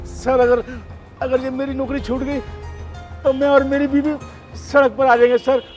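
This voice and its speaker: A man's voice: high voice, fairly quick, faint music behind, close to an everyday voice. A man playing an elderly restaurant waiter who meekly apologizes and begs not to lose his job. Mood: desperate. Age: older. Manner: meek, apologetic, begging. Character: elderly male restaurant waiter, humble and pleading. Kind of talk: web short drama acting.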